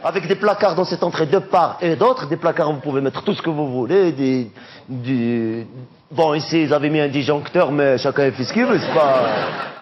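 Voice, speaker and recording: An actor playing a chatty male estate agent who rambles offhandedly while showing a flat. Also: a little high, moderate pace, lightly acted. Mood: rambling. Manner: rambling, loose and offhand sales patter. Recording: dull lo-fi archive clip.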